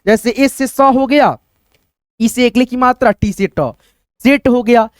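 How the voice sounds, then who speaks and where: A man's voice: very high voice, unhurried, dry recording, studio quality. A man, teaching English spelling and sounds to beginners, repeating himself and answering his own questions. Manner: repetitive, keeps saying "friends", asks and answers himself. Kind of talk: Hindi spelling lesson for beginners.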